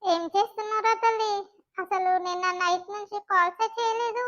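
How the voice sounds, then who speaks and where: A woman's voice: very high-pitched, fairly even intonation, moderate pace, fairly bright tone, dull audio, pitched above the performer's own voice. A woman voicing a worried middle-aged village mother with a Telangana accent, fussing over her married daughter. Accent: Telangana Telugu. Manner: fretful, fussing.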